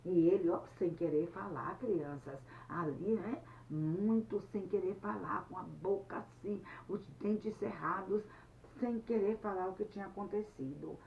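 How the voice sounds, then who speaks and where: A woman's voice: mid-range voice, a little slow, gravelly. A woman missionary telling a story to children, addressing them directly and using many fillers. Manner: talks straight to the children, with many fillers and gestures. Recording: dull lo-fi sound, slightly distant, faint noise.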